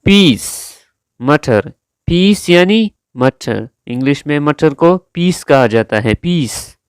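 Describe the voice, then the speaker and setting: Slow, deliberate male teacher. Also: a little high, lively intonation, smooth, dry recording, clean studio sound. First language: Urdu. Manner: drawn-out, careful pronunciation drills. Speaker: English vocabulary teacher. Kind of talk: slow vocabulary lesson, repeating each word.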